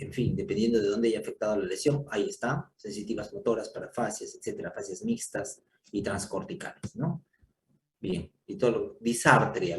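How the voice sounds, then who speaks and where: A man's voice: medium pitch, a little mellow. A man giving a psychiatry lecture, explaining terms and often checking in with rhetorical questions. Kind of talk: university lecture. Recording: echoey room, distant mic, faint noise.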